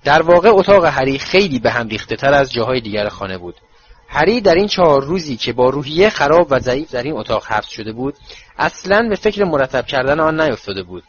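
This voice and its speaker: A man narrating a storybook in an expressive, dramatic reading. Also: medium pitch, dull audio, a little hiss or hum. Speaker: audiobook narrator.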